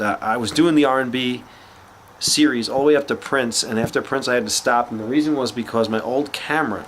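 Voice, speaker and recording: Sniffling and congested with a cold, a man with a slightly nasal, medium-pitched voice casually shows off records from his collection. He's relaxed and chatty, filling his talk with frequent fillers. Slight background noise is present.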